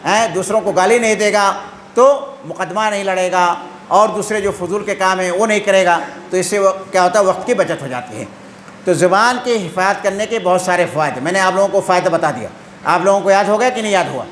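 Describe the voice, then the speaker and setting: High-voiced man teaching in an echoey room. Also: fairly bright tone, slight background noise. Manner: constantly asks questions and answers them himself, tagging "hain?". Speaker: Islamic teacher. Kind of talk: religious lesson quizzing listeners.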